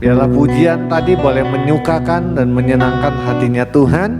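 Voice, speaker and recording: A woman's voice: very deep voice, steady tone, moderate pace. A woman leading devotional prayer as a worship leader. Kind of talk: slow devotional prayer over music. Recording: loud guitar music under the voice. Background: loud plucked guitar music.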